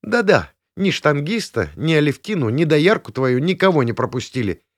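A brash, nosy young woman, as a male narrator puts her on in an audiobook, loud and teasing, her voice pitched well above a man's usual register. The delivery swings widely in pitch. The sound is dry and close, with no room around it. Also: sing-song, moderate pace, no echo. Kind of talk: audiobook character voice.

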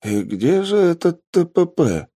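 A man voicing a mild male professor who answers in a polite, placating way, a little above his own pitch. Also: sing-song, measured pace, warm tone.

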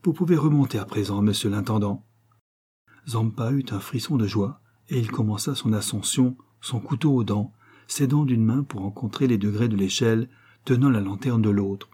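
A male audiobook reader narrates in a measured, even storytelling manner. His voice is dark and mellow, with a husky edge. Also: on the low side. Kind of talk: scripted narration.

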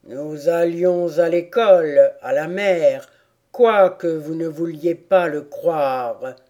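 A woman voicing a sad, sobbing female mock turtle with a calf's head in a storybook reading, slow, loud and lamenting. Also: deep voice. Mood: indignant. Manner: slow, mournful and loud, turning indignant.

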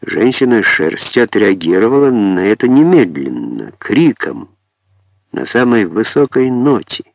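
Male narrator, lowish voice, calm ironic memoir read, close dry sound. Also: measured pace, vocal fry, no echo, highs cut off. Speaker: audiobook narrator. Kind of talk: first-person memoir narration.

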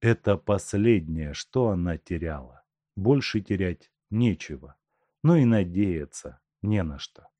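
A male narrator reads a classic novel aloud with dramatic expression. His pitch moves freely through the telling, and the recording is dry and close. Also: lively intonation, a little slow, dark tone, no room sound. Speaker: audiobook narrator. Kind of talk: scripted narration.

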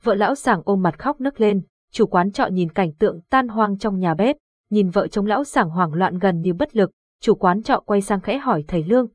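A woman narrating a horror audiobook in a steady, even storytelling manner. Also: medium pitch, moderate pace, breathy edge, no room sound.

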